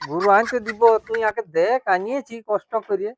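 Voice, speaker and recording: A man's voice: sits high, fairly quick, a bit bright. A man playing a husband in a comedy skit, talking in a placating way. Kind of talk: rural comedy skit dialogue.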